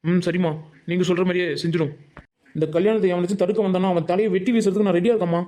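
A man doing a bullying cartoon father, gruff, threatening, snaps out lines at breakneck speed. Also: high-pitched, fairly even intonation, rapid-fire, mellow, natural voice. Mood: scheming. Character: harsh, bullying middle-aged father. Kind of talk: Tamil cartoon voice acting.

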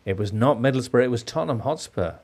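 Lively, playful male quiz host. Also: mid-range voice, fast. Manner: playful, theatrical question reading. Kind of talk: podcast quiz hosting.

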